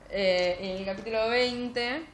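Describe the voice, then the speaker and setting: A woman's voice: a little high, takes it slowly. A young woman with a Rioplatense Spanish accent chatting casually as she recounts a novel's scenes, quoting the characters' lines in a loose, filler-heavy way. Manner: quotes characters' dialogue in a loose storytelling way with many fillers. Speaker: book discussion co-host. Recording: faint background noise.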